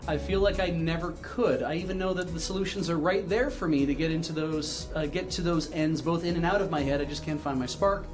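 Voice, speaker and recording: A charity livestream host reads viewer messages and gives casual, unscripted advice, often groping for words. His somewhat high voice runs a little fast with few pauses, picked up by a handheld-style mic close at his desk in an indoor studio with music in the background.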